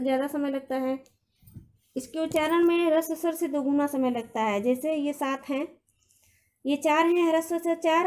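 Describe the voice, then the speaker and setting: A woman's voice: high voice, a little mellow. A woman teaching a Hindi grammar lesson to children, patiently repeating points and asking questions of the class.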